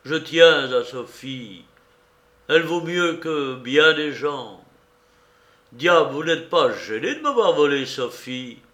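A man doing a loud, blunt country miller. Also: a little high, animated, takes it slowly, echoey room, highs cut off, voice pushed up. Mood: indignant. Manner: loud, exclaiming, indignant. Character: hearty male miller, blunt and good-natured. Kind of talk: audiobook character reading.

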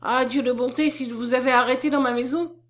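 A woman reading a story aloud, voicing an anxious, devout peasant nurse who speaks in loud exclamations. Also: mid-range voice, moderate pace, lightly acted. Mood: fearful. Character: frightened, kind-hearted peasant nurse woman. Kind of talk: audiobook character reading.

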